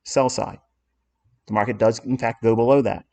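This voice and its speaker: A man's voice: medium pitch, fairly even intonation, moderate pace, vocal fry, a little mellow. A man walking through trading charts in a lesson, blunt and self-assured as he explains what he authored. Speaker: trading educator.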